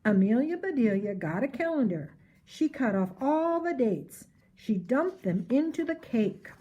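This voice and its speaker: Older woman, grandma voice, children's read-aloud, lively intonation, slightly high, storytelling. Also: measured pace, husky, lo-fi sound.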